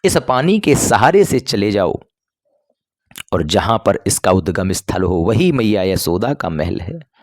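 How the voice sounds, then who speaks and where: A man voicing helpful village folk who gently give a traveler directions. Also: on the low side, very animated, a little slow. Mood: instructive. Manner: explaining, gently instructive.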